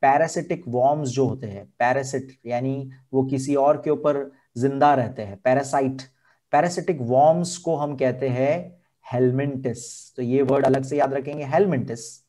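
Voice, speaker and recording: A man with an Indian accent teaching a board exam science lesson, slowly repeating key terms and their spellings. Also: mid-range voice, warm tone.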